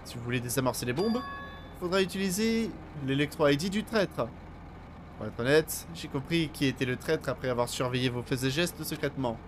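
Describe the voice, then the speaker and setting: A man reading the lines of a calm, scheming young man who taunts his classmates, in a measured, slightly theatrical way. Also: mid-range voice, slight background noise, lightly acted. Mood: mocking calm. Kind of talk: reading game dialogue aloud.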